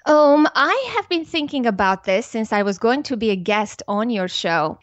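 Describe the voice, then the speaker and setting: A woman's voice: a little high, animated, dry recording. Woman in her 40s, thoughtful podcast guest, kinda muffled lo-fi sound, dry. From Armenia. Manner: earnest, measured, thoughtful. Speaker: podcast guest, parenting educator. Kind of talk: reflective interview talk. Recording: slightly muffled dry recording.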